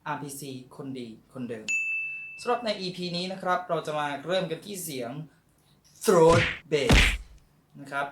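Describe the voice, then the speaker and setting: A man's voice: a little high, expressive, fast, roomy sound, very noisy. A man teaching beatboxing in a casual tutorial, explaining step by step and demonstrating coughing throat sounds.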